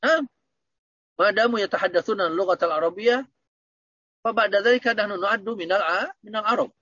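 A man's voice: high-pitched, a little fast, sharp tone, no echo, highs cut off. A man teaching Arabic grammar online, patiently repeating points and quizzing his students.

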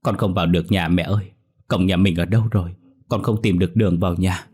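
A man's voice: low voice, fairly even intonation, quick pace, darkish tone, slightly rough. A man voicing a young woman possessed by a dead man's spirit, wailing and pleading.

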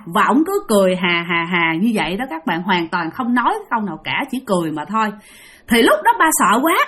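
A woman's voice: a little high, husky. A woman telling a ghost story to her listeners, acting out the scenes as she goes. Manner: lively, acts out the scenes and quotes.

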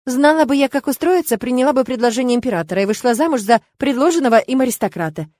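Young heroine in an audiobook, read by a woman, soft, questioning, a little plaintive, dry recording. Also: high voice, lively intonation, fast, no room sound, pitched above the performer's own voice. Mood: anxious, spirited. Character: young woman student heroine, anxious but spirited.

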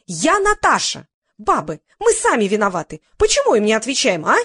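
A woman voicing a big, brash woman from a studio audience who yells and picks fights. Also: a little high, huge pitch swings, normal speed, breathy edge, dry recording, exaggerated voice. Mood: rowdy. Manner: yelling, bossy.

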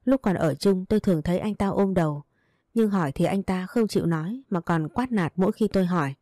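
A woman's voice: lowish voice, brisk, dark tone, no room sound, clean studio sound. A woman narrating a first-person story aloud in an emotional, heartfelt way.

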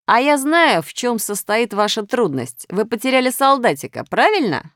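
A woman puts on a cunning, two-faced storybook trickster with a grating, wheedling voice. He speaks high and bouncy. The recording is dry and close. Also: very animated, moderate pace, a bit bright, dry recording. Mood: sly. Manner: wheedling, unpleasant voice. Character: sly, scheming male Minus sign character.

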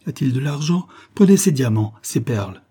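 A man's voice: medium pitch, expressive, moderate pace, mellow, husky, voice pushed up. A man voicing a frightened young woman in an audiobook, urgent and pleading. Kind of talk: audiobook character voice.

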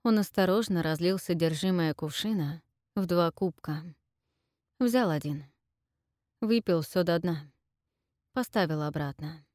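Woman narrator, audiobook reading, slow, lowish voice, dry close sound. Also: a little mellow, no room sound. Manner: measured, deliberate reading. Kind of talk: scripted narration.

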